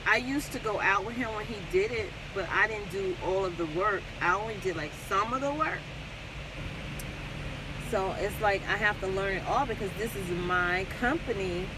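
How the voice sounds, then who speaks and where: A woman vlogging in a car, telling casual, colloquial stories and chatting while she eats. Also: medium pitch. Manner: colloquial, emphatic with repetition. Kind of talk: casual storytelling mukbang chat. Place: inside a car. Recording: loud vehicle and air-conditioning noise.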